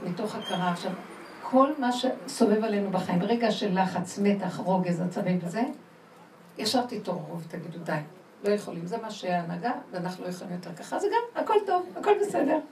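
Woman religious teacher, emphatic and laughing, higher mellow voice, heard from a distance in a roomy space. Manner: animated, laughing, emphatic, asks the audience questions. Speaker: spiritual teacher. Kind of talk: religious lecture to a women's group. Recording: roomy sound from far off, faint noise.

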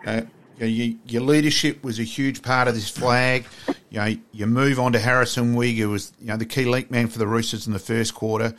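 A man's voice: medium pitch, fairly even intonation, moderate pace, fairly bright tone, slight background noise. An Australian man interviewing casually about sport, speaking in an effusive, matey way.

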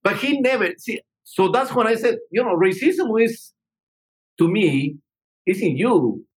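An older Peruvian man, a musician guest, tells stories in interview answers with a high-pitched, animated, unhurried voice. He rambles, restarts often and keeps saying "you know." The audio is poor, with a slight hiss or hum.

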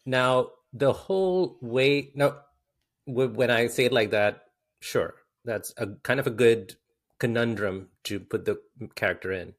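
A man's voice: mid-range voice, a little slow. A man talking casually in a film discussion, explaining his view and quoting dialogue in his own voice.

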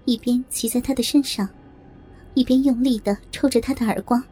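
A woman reading a first-person story aloud in a steady, matter-of-fact way. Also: a little high, normal speed, husky, soft background music. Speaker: audiobook narrator.

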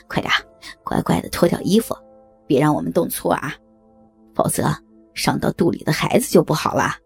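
A woman voicing a crude young male gang crony who jeers with quiet menace. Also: deep voice, expressive, moderate pace, creaky, pauses often, breathy edge, faint music behind, full character voice. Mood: leering. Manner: jeering, coaxing with menace.

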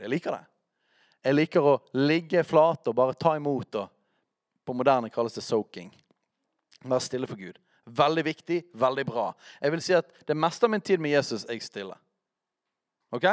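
A man preaching a teaching sermon in a conversational way, speaking straight to his listeners and checking in with quick questions. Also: mid-range voice, animated, dry recording, studio quality.

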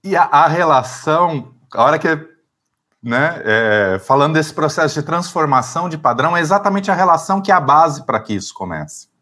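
Um homem terapeuta com sotaque brasileiro, explicando conceitos com calma numa entrevista, com algumas hesitações. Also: male voice, a little high, normal speed. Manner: calm, explanatory, with hesitations. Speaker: therapist, psychodrama guest. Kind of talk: explanatory interview talk.

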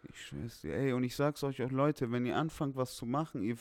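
A man hosting a podcast in a casual call-in style, slangy, cutting in with quick remarks and talking to the listeners. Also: medium pitch, lively intonation, a little mellow, no echo, clean studio sound. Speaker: podcast host.

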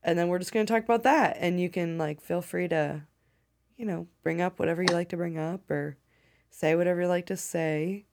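Kentucky woman, podcast host, deep with vocal fry, chatty and loose. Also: a little fast, a little mellow. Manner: chatty, laughs often, rambling. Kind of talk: casual chat.

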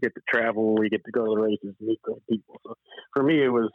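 Born in Zimbabwe and in California since age eight, this man in his forties is a horse racing professional giving a relaxed interview over a remote call. He has a lowish voice with fairly even intonation and a quick pace, speaking earnestly and reflectively in stop-start phrases. The call is boxy, echoey and band-limited, with narrow, tinny audio.

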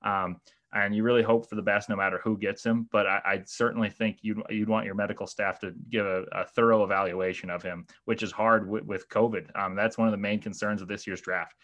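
Low-voiced man in hesitant podcast chat. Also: level tone, brisk, fairly bright tone, muffled recording. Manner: thoughtful, hesitant with fillers and restarts. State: has the hiccups. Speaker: guest analyst.

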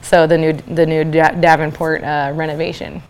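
A woman in her twenties, a business owner, chatting casually as an interview guest, full of "like" and quick laughs. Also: low-pitched, little pitch movement, darkish tone, smooth. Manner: chatty, laughs often, many fillers like "like".

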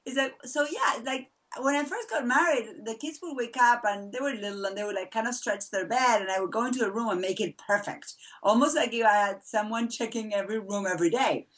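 A middle-aged Argentine woman, a mother of four, chats as a guest in a casual interview, laughing often and using plenty of fillers. Her fairly high, fairly bright voice moves briskly with few pauses, recorded from a distance.

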